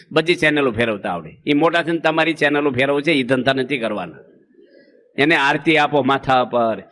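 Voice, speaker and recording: Humorous sermon by a male monk preacher, high and bright, folksy storytelling. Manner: folksy, acts out village anecdotes with quoted voices.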